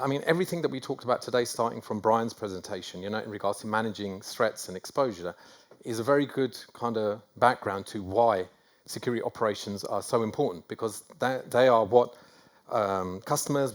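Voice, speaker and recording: A middle-aged man with a North London accent giving a conference talk, self-deprecating and rambling with many fillers and restarts. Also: fairly low pitch. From England. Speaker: conference speaker. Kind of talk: conference presentation. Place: conference hall.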